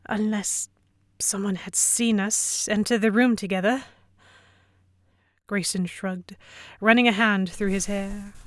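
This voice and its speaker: A woman narrates a scripted first-person audio drama, telling the story in an expressive, dramatic way. Her mid-range voice moves slowly, and the studio-quality recording is dry.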